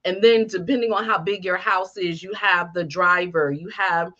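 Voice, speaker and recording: A woman's voice: lowish voice, fairly even intonation, moderate pace, pushed and bright, highs cut off. A woman co-hosting a reaction podcast, chatty and emphatic in casual conversation. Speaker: podcast co-host.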